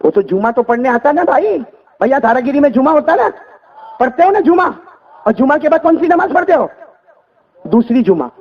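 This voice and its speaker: A male preacher telling stories in a lively sermon, prompting the congregation to repeat after him. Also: very high voice, long pauses, muffled recording. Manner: animated call-and-response with the congregation. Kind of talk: sermon storytelling.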